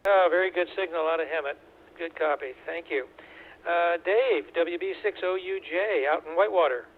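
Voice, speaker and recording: Man, amateur radio net control, unhurried with fillers, thin radio sound, light static hiss. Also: a little high. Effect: heard over a two-way radio. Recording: tinny radio with faint static.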